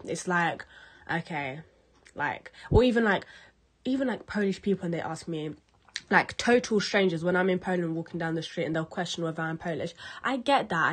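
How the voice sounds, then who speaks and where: A young woman, talking candidly in a casual interview. She rants a little and swears freely. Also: lowish voice.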